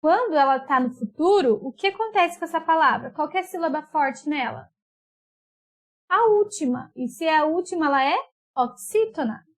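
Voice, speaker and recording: Woman teacher, high bright voice, slow and patient, drags out words, checks that the pupils follow. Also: expressive. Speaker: school teacher. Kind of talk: remote class explanation.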